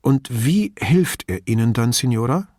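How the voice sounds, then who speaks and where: A man voicing a courteous, patient police commissioner asking measured questions. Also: mid-range voice, lively intonation, darkish tone, no echo, clean studio sound. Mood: polite. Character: middle-aged police commissioner, polite, patient.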